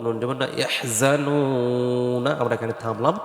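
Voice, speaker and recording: A man teaching Quran recitation, spelling words out letter by letter and then chanting them slowly. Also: mid-range voice, fairly even intonation. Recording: echoey room with long reverb, faint music.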